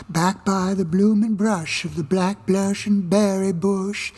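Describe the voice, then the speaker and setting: A husky, breath-roughened voice recites tongue twisters extremely slowly. Each phrase is drawn out and set apart with deliberate care. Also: medium pitch, a little mellow.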